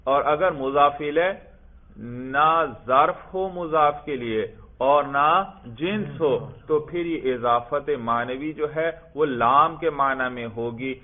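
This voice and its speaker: A man teaching a classroom grammar lesson who asks questions and answers them himself, and recites text in a chanting tone. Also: a little high. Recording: tinny phone-like lecture recording.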